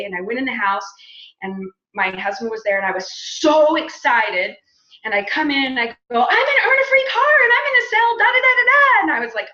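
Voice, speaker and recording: Bright-voiced woman in her fifties telling a story. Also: fairly high pitch. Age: 50s. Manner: lively storyteller, acts out quoted dialogue. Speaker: speaker on a business opportunity call. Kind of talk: personal storytelling presentation. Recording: echoey room, dull lo-fi sound.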